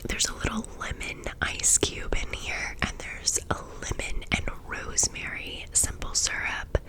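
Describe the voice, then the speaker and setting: Whispering woman, excited and slow-paced. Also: rough recording. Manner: whispered excitement, gushing and enthusiastic; casual, playful slang and swearing. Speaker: ASMR video creator. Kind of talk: whispered ASMR merch haul chat.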